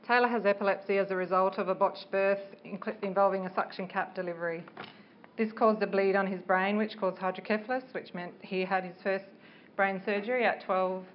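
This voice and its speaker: Middle-aged woman, earnest campaigner reading a prepared speech, careful delivery, muffled sound with faint background noise. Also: mid-range voice. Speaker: parent campaigner giving a public speech. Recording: dull, noisy live speech recording.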